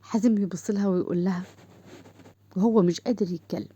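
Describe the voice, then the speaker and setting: A woman with an Egyptian accent narrating a story in a plain, quick manner. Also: medium pitch, steady tone, dark tone, breathy edge. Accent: Egyptian Arabic.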